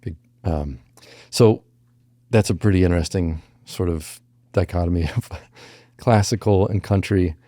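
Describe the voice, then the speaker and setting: A middle-aged man hosts a laid-back podcast chat, rambling toward his questions and cracking jokes. His voice is very low and warm, with a dark, mellow tone. The recording is dry and close. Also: unhurried, no room sound. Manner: rambling, jokey, laughs often. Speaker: podcast host. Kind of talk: casual podcast interview.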